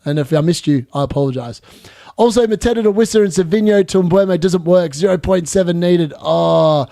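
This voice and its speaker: A man in his late thirties hosts a live fantasy football stream, chatty and excitable, laughing often while answering viewer questions. His voice sits high, and the studio sound is clean with no room sound.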